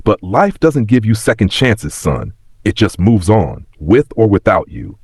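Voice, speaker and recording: Man voicing a deep, husky, regretful very old man. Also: wildly swooping pitch, measured pace, darkish tone, no echo, studio quality, full character voice. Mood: wistful, earnest. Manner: reflective, plain-spoken storytelling. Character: wistful, regretful ninety-year-old man telling his past. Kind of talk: scripted story reading.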